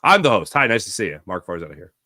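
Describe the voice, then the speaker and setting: A man hosting a casual sports podcast, reading viewer chat with sarcastic, animated commentary. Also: fast talker, dry recording, studio quality. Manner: reads ad copy with big pitch swings. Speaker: podcast host.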